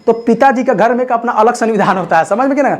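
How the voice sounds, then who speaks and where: A man's voice: extremely high pitch, fast talker. Man teaching a class, teasing questions. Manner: teasing, repeats checks for understanding. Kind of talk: classroom lecture. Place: classroom with students.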